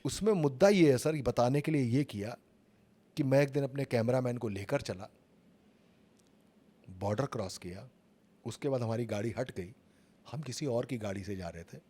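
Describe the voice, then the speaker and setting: A man's voice: mid-range voice, normal speed, pauses often, mellow. A middle-aged man, a journalist and author, telling his stories with dramatic emphasis in an interview. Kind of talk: storytelling interview talk.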